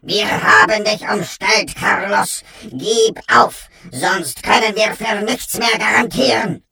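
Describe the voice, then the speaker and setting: A man voicing a bossy parrot who booms police-style warnings through a megaphone in a children's audio story. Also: takes it slowly, gravelly, sharp tone, far from the mic, exaggerated voice. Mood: commanding. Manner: booming police-style announcement.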